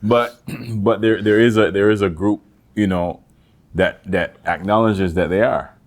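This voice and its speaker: A man's voice: fairly low pitch, measured pace. Stammering man chatting on a podcast. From Barbados. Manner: stammering restarts, animated impressions. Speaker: podcast co-host. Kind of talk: casual chat.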